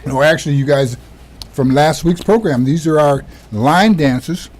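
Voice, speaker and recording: A man's voice: on the high side, moderate pace, darkish tone. A man hosting a talk show in a TV studio, chatting casually while eating, his mouth half full.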